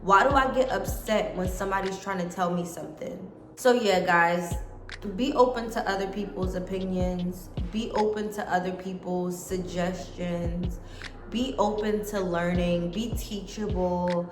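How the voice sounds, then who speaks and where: A woman's voice: fairly low pitch, steady tone, measured pace, reverberant, music in the background. A woman in her late twenties talking casually to camera, giving earnest life advice to her viewers. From United States. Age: 20s. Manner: earnest, conversational, addresses viewers as guys. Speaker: vlogger.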